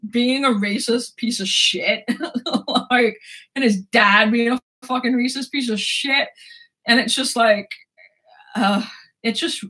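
A slightly high, bright, forceful voice belongs to a book vlogger in her twenties. Though her throat is sore, she chats casually about books, rambling along and freely laughing and swearing.

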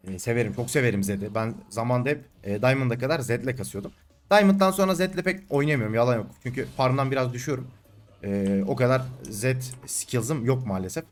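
A young man casually commentating his own gameplay, taunting and yelling at the screen, then calming down to explain his moves. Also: medium pitch. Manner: excitable, shouts and taunts at the game, swings between calm and loud.

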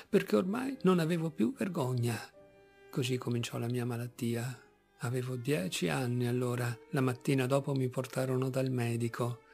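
Man, audiobook narration, gravelly voice, faint music behind. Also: medium pitch. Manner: measured, expressive storytelling. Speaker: audiobook reader.

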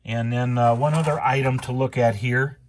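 A man casually walking through his own furnace repair off camera, plain and unhurried, with many ums and restarts. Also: medium pitch, steady tone, slight background noise. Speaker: homeowner showing a repair. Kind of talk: casual DIY walkthrough.

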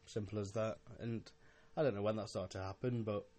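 Slightly drunk, low-voiced young man rambling. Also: steady tone, darkish tone. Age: young adult. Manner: halting, rambling, with repeated words and swearing. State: a little drunk. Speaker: podcast host. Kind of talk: casual rambling monologue.

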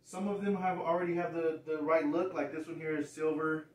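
A man's voice: a little high, flat delivery, fairly quick. Rambling man in an echoey room. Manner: rambling, restarts phrases, points out details. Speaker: thrift reseller showing a haul. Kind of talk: casual show-and-tell. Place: living room, indoors. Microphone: far camera. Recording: echoey room, far from mic.

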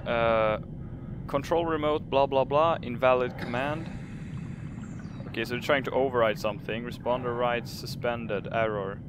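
A man's voice: medium pitch, fairly even intonation, moderate pace, background noise. A man giving casual let's play commentary, musing hesitantly aloud to himself as he goes. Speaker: gaming video host. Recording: voice-over with loud game music behind.

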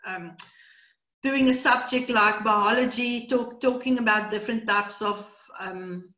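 Speaking from a small room over a webcam video call, this Afrikaans-speaking South African woman in middle age teaches brain training in a webinar, wandering through her points with many fillers and repetitions. Her pitch sits on the high side, and her delivery is unhurried, bright and forceful, with a reverberant sound.

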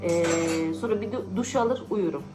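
A woman's voice: medium pitch, moderate pace, low-quality recording. Tired, chatty woman vlogger over music. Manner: chatty, teasing, often laughing. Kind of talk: casual chat to camera and friends.

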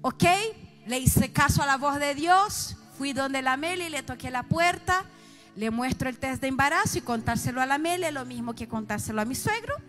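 A middle-aged woman pastor with a Chilean accent, giving an emotional sermon testimony that swings from soft confiding to loud outbursts. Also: high voice, expressive, moderate pace, faint music behind.

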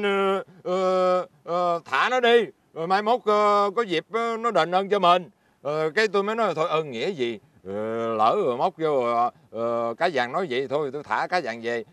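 A man's voice: fairly high pitch, moderate pace, fairly bright tone, smooth, no room sound, natural voice. A man with a Southern Vietnamese accent playing a poor, easygoing old fisherman who chuckles and hesitates as he talks. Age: older. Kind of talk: fairy-tale drama acting.

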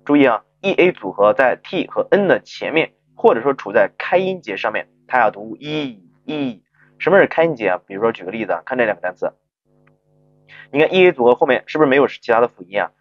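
A man teaching an English phonics lesson, stretching out model pronunciations slowly and often asking rhetorical check-in questions. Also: medium pitch, very animated, dull audio. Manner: slow drawn-out model pronunciations between quick explanations.

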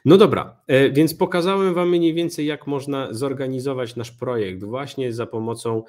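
A young man giving a live coding conference talk from a small home room, relaxed, with many fillers and restarts. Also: medium pitch, moderate pace. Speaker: conference speaker.

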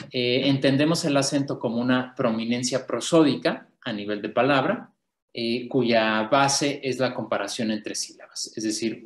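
A man presenting an academic conference talk over a video call, explaining step by step with frequent hesitations and self-corrections. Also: mid-range voice. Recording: roomy echo.

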